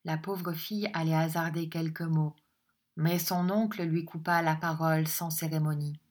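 A woman narrating a classic novel as an audiobook, in a measured, deliberate way. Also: low-pitched, steady tone, a little mellow.

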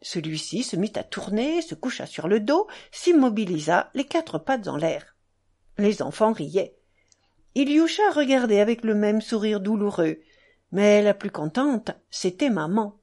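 A woman narrating a literary audiobook in an expressive, measured storytelling manner. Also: medium pitch.

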